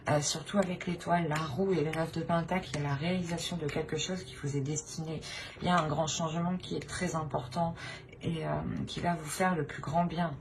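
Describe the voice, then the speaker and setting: Deep-voiced with fairly even intonation, she talks a little fast while hosting an impromptu tarot reading on her channel. Her speech is hesitant and repetitive, often capped with "hein." There's noticeable background noise.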